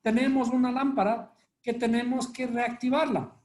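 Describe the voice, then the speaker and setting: A man's voice: very high voice, level tone, normal speed, a little mellow. A man teaching a live Bible study class, constantly quizzing his listeners with rhetorical questions. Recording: echoey room with faint noise.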